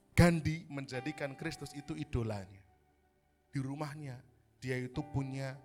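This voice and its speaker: A man with a Javanese accent preaching a sermon at a church service, telling stories with animated delivery and acting out voices. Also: mid-range voice. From Central Java, Indonesia. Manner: animated storytelling, acts out voices, mixes in Javanese. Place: church service in a hotel hall.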